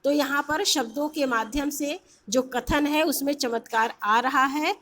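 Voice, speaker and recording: A woman teacher explaining a lesson, posing questions to her students and pausing with fillers. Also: sits high, fairly bright tone, a little hiss or hum.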